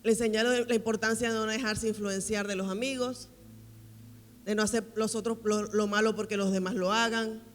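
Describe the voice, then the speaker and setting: A woman's voice: medium pitch, fairly even intonation, moderate pace. A woman pastor preaching at a women's conference. She is emphatic and repeats key phrases for weight. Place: large church hall. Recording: reverberant hall with faint music.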